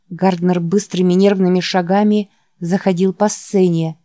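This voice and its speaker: A woman narrating an audiobook in a calm, measured, descriptive reading. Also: fairly low pitch, dry recording.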